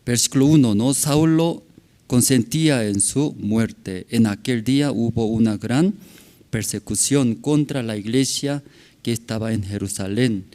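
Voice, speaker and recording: Pastor speaking broken Spanish. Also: male voice, medium pitch, measured pace, mellow. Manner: broken non-native Spanish, tag questions, chuckles. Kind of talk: informal sermon with storytelling. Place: church.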